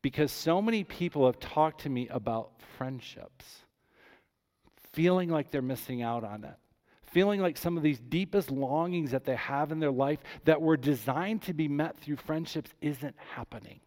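A man preaching a sermon as pastor, animated and swinging from soft, quiet passages to loud, excited ones. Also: a little high, normal speed, long reverb tail.

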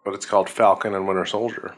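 Male co-host, lowish pitch, wry casual movie-review chat. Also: flat delivery, fast. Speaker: podcast co-host.

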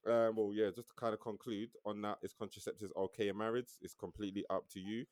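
Fast-talking young man with London roadman accent. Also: lowish voice, level tone, darkish tone, dry recording, studio quality. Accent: London, urban street slang. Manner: London roadman slang, informal. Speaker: podcast co-host. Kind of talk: casual chat.

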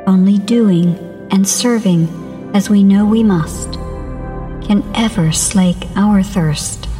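A brave young bear, voiced by a woman, answers in a soft, clear, steady voice with a warm, mellow tone. She speaks her verse slowly over faint new-age music. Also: medium pitch, natural voice. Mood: resolute. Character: brave young female bear leader, calm and resolute.

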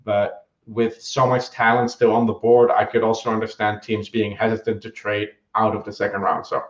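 Over echoey, muffled lo-fi remote audio, a guest analyst with a lowish voice gives his opinions flatly at a moderate pace during a casual podcast conversation. He hesitates often with ums and restarts his sentences.

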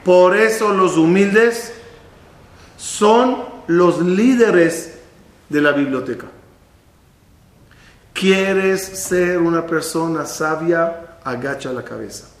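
A man's voice: sits high, slow, long pauses, echoey room. A man giving a Torah lesson in a storytelling way, acting out the people in his stories. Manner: animated, acts out voices in stories. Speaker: rabbi teaching.

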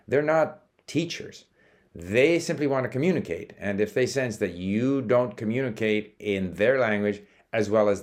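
This older host, Swedish-born and Canadian-raised, delivers a relaxed monologue straight to camera for a language-learning video. He speaks in a lowish voice, calmly, pausing and restarting now and then.

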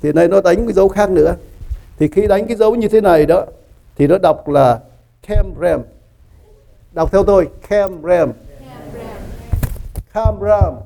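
A man preaching a sermon in a church, his voice high and gravelly with a dark tone. He teaches in an animated way, quizzing his listeners and laughing at his own jokes. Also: poor audio. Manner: animated teaching, asks the congregation questions; laughs often, joking asides. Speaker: pastor.

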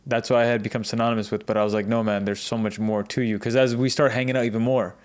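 A man hosting a podcast, friendly and curious, asking quick follow-up questions in a casual interview. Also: mid-range voice, little pitch movement. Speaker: podcast host.

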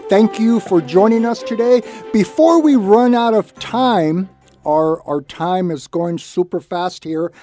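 A radio show host who works as a reverse mortgage loan officer speaks slowly in a warm, somewhat high voice, with faint music behind him. He explains things conversationally, leaning on short, repeated, emphatic phrases.

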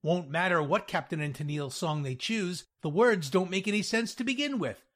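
A man reads the part of a crafty old leader of a church group, drawling his plans slowly. The voice sits high and swings widely. It comes across as a storybook figure. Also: animated. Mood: scheming.

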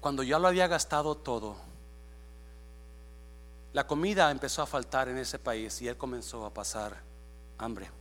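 A man preaching a sermon, mixing Spanish with English phrases, speaking directly to the congregation with many questions and swinging between hushed asides and shouted calls. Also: mid-range voice, normal speed, pauses often. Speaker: pastor. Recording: faint mains hum.

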